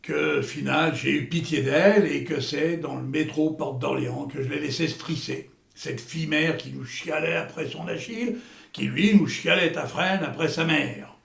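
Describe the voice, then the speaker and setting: Hammy, creaky old war veteran, acted by a man. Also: a little high, moderate pace, a bit bright. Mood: exasperated, declamatory. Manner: hammy, theatrical stage delivery with florid slang. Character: Hector, boastful old war veteran and amateur playwright. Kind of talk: theatrical comedy acting. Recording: echoey room.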